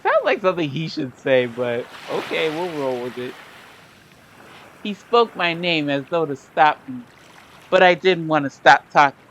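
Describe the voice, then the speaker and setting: A woman's voice: deep voice, very animated, measured pace, fairly bright tone, a little hiss or hum. A sleepy woman reading and commenting on a story game, with sassy, joking asides. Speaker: game streamer. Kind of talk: casual let's-play commentary.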